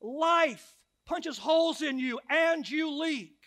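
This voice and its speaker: A middle-aged man preaching a sermon as pastor, emphatic, with repeated rhetorical questions that drop to hushed, quiet lines. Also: very high voice, slow.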